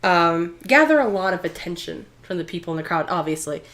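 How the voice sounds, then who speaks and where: Female game master, lowish voice, playful and theatrical, improvising tabletop narration with emphatic phrasing. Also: animated, a little fast, fairly bright tone.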